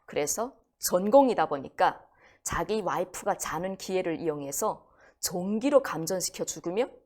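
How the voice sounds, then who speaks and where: As a guest storyteller, a woman recounts a crime story conversationally and with animation, performing the voices of the people she quotes. She speaks at a moderate pace in a lowish voice.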